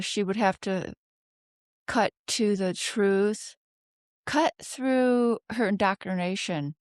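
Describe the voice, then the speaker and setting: A female host gives an unscripted tarot reading, speaking slowly and deliberately in a smooth, clear, mid-range voice. She hesitates often, musing aloud and posing rhetorical questions. The recording is close-miked and dry.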